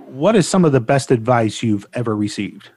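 A man's voice: medium pitch, lively intonation, moderate pace, darkish tone, husky, no room sound, studio quality. A man hosting a casual interview with friendly, teasing banter. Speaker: interviewer, host.

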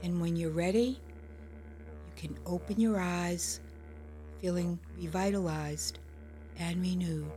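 A woman guides a meditation very slowly and gently. Her voice sits a little low and soothing, and she leaves space between phrases. Soft music plays behind her. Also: steady tone. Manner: gentle, slow, soothing, unhurried delivery.

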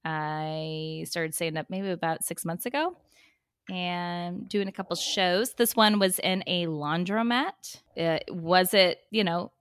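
A woman's voice: lowish voice, slow, fairly bright tone, clear, resonant tone, no echo, studio quality. A woman co-hosting a podcast in casual chat, chatty and giggly, often restarting and trailing off mid-sentence. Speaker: podcast co-host.

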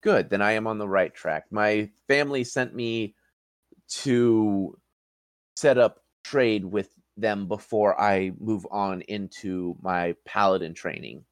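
A man voicing a confused young male paladin noble, speaking slowly and haltingly. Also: on the low side, no room sound, clean studio sound. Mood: earnest. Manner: slow, halting, dazed.

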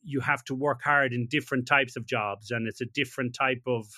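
A man's voice: mid-range voice, fairly even intonation, fairly quick, sharp tone, no room sound, studio quality. A man hosting a casual interview, thinking aloud and ending points with tag questions. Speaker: podcast host.

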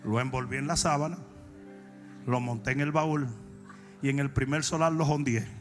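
A Dominican man preaching, telling comic stories and breaking into long shouted cries. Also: medium pitch, steady tone, over music. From Dominican Republic. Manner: shifts from shouted, drawn-out preaching to fast, joking anecdotes. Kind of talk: comic sermon storytelling.

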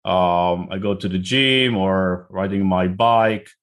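Slow and low-voiced, this middle-aged Israeli-accented entrepreneur chats casually as an interview guest. He's relaxed, and he tends to repeat words whenever he begins a new thought.

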